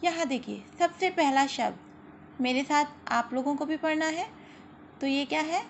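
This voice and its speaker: A woman's voice: sits high, vocal fry. A woman teaching young children a school lesson, explaining patiently, stretching out syllables for them to repeat, and often checking in with "okay" and "very good". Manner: slow patient explaining, drawn-out sounds repeated; frequent "ठीक है" and "very good" checks. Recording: slightly dull lo-fi audio with faint hiss.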